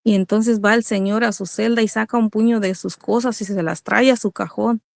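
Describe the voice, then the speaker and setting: A woman's voice: medium pitch, steady tone, moderate pace, creaky, dry recording, clean studio sound. A middle-aged woman giving an earnest religious testimony as a mother, speaking to her listeners as brothers.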